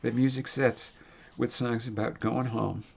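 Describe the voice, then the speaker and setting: An American man in his seventies reading a prepared, personal farewell eulogy in a tender, faltering way, with a gravelly, husky voice. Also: medium pitch, steady tone, unhurried. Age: 70s. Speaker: speaker reading his own farewell funeral speech.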